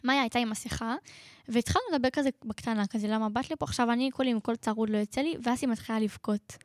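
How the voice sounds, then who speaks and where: Dramatic woman storyteller and co-host. Slightly high voice, dry close sound. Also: steady tone, no echo. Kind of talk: casual chat.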